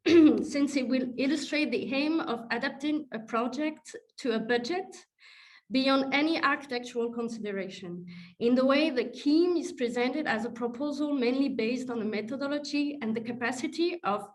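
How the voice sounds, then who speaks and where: A woman with a French accent, her voice sitting a little high, presents an architecture project over a video call. She picks her English words with care and slows to find them, as a native French speaker would. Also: rough recording. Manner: careful, halting, stops to check slides. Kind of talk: webinar presentation.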